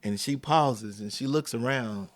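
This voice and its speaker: A man's voice: mid-range voice, a little slow. A man hosting a podcast, telling a personal story and acting out the quotes. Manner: animated, acts out quotes. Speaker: podcast host.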